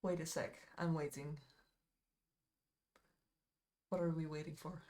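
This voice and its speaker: A woman from the Netherlands with a Dutch accent paints while chatting casually to her live-stream viewers, rambling a bit with fillers and asides. Her voice is deep and dark in tone, her delivery flat and a little fast.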